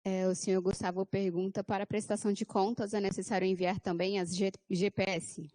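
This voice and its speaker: A woman's voice: medium pitch, little pitch movement, a little fast, darkish tone, dry recording. A woman from Brazil moderating an online workshop, politely reading out questions from the audience. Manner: polite, formal, ends with "tá bem?". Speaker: webinar moderator.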